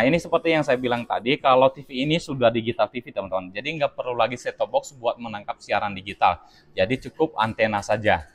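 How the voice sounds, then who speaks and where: A man giving a casual unboxing review of a TV, talking chattily to his viewers while he handles the set. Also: mid-range voice. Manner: addresses viewers as teman-teman, chatty, explains while handling the product. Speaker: product reviewer.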